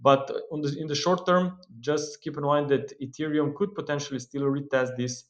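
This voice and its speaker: A man giving a market analysis commentary in a steady, explanatory way, often pausing with "uh" and "um". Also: fairly high pitch, highs cut off. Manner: steady explanatory delivery with frequent "uh" and "um" fillers. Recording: roomy echo.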